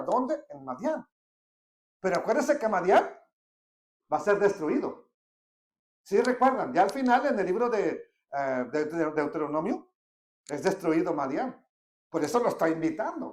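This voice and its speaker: A Bible teacher, leading a verse-by-verse study, asking listeners questions and reading verses aloud slowly. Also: medium pitch, a little mellow. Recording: echoey room.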